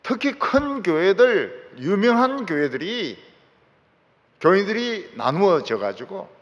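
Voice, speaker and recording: A middle-aged male pastor delivers a sermon from the pulpit. His fairly high voice swings widely up and down, and he drives his points home by repeating them. His words carry a long reverb from a large sanctuary. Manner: emphatic, repeating key phrases, lively rising and falling delivery.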